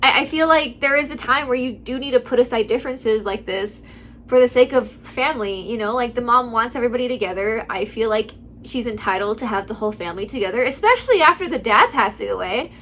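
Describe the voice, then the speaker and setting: A woman's voice: on the high side, fast talker, a bit bright, a little hiss or hum. A woman hosting a channel where she reads online stories and reacts, talking casually with lots of filler words and laughing between remarks. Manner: chatty, heavy use of "like" fillers. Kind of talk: casual commentary.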